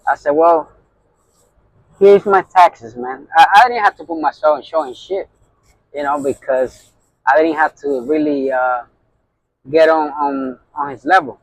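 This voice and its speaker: A middle-aged owner-operator truck driver from New York, with a Puerto Rican accent, tells a heated story in a casual vlog, full of constant fillers. His voice is a little high and a little slow, with long pauses, on a rough recording.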